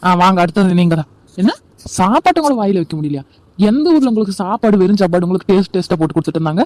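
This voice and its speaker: A scornful, sharp-tongued young daughter-in-law from a homemade cartoon, with a man doing the voice. She talks fast and high. The sound is dry and close. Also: lively intonation, dry recording. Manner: scornful, defensive. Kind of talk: amateur cartoon voice acting.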